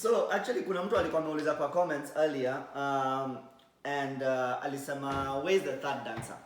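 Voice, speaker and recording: A Kenyan-accented podcast co-host and DJ banters casually, switching between languages while reading out viewer comments. His mid-range voice moves fairly quickly, and the echoey room carries a little hiss or hum.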